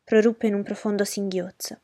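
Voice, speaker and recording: A woman narrating in the first person as the heroine of a radio drama, measured and emotional. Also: medium pitch, level tone, mellow, dry recording.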